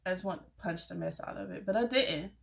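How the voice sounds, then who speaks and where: A woman's voice: lowish voice, fast talker, creaky. A young adult woman telling a personal story to her viewers, candid and conversational, with lots of "like" and "y'all". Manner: candid, conversational, uses many fillers like "like" and "y'all". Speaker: vlogger.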